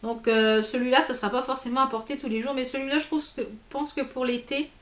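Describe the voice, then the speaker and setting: Lady rambling through a makeup haul, highish voice, lots of euhs, roomy echo. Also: little pitch movement, fast talker. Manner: chatty, many fillers and restarts. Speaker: beauty vlogger. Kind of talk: casual haul video chat.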